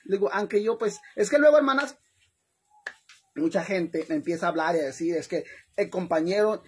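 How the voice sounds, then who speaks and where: A woman with a Mexican accent chatting casually on a livestream, talkative and animated, laughing often and calling her viewers "hermanas". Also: on the low side, brisk, slight background noise. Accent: Mexican Spanish. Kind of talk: casual livestream chat to followers.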